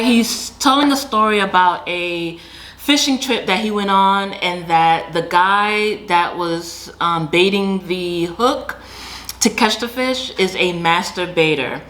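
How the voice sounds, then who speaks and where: A woman's voice: medium pitch, a bit bright. A woman vlogger speaking in casual commentary, conversational and questioning, often checking in with "okay".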